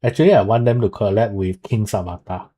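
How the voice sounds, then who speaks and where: Husky, low-voiced man explaining as he goes. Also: mellow. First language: not Mandarin; speaks it haltingly. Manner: halting, explanatory, with frequent okay and so. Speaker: streamer and video creator explaining a game. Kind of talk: casual live commentary translating an article.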